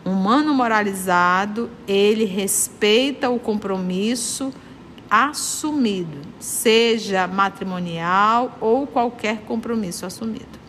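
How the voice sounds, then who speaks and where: A woman's voice: medium pitch, slow pace, fairly bright tone, big-room sound, slight background noise. A woman with a Brazilian accent from Manaus leading a spiritist study group, earnest and moralizing, repeating her points for emphasis. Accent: Brazilian Portuguese, Manaus.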